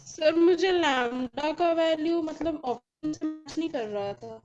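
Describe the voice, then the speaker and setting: A woman's voice: high voice, unhurried, darkish tone, faint music behind. A woman student speaks hesitantly and politely to her teacher over a bad, breaking-up network connection. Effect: faint breaking-up network audio. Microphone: video call. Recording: distant dull lo-fi call audio.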